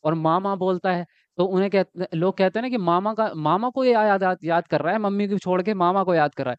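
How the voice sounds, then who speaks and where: A male teacher with a fairly high, smooth and resonant voice, giving an online exam-prep lesson. He talks in a lively way, repeats key words and keeps asking his students whether they follow. The sound is close and dry, a little dull and lo-fi. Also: a little fast, dry recording.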